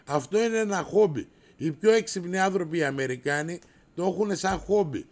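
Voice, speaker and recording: A man's voice: sits high, lively intonation. A middle-aged man hosting a casual livestream, brash and rowdy, swearing and raising his voice as he answers viewers. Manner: raises his voice to shout.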